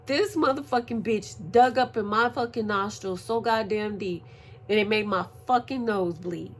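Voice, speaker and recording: A woman recovering from surgery, telling a story in a profane, animated casual vlog. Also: mid-range voice, normal speed. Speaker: vlogger. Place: at home, indoors.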